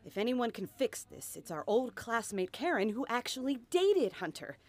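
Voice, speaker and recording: A woman's voice: on the high side, normal speed, background noise. A woman playing a brash rich lobbyist. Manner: brash, swearing, excitable.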